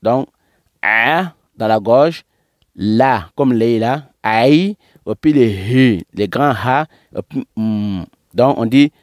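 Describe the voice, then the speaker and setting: A man's voice: medium pitch, darkish tone, no room sound, studio quality. A man teaching pronunciation, drawing out and repeating syllables one by one in a patient lesson. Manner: slow, drawn-out syllable drills, repeating words. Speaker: Quran teacher.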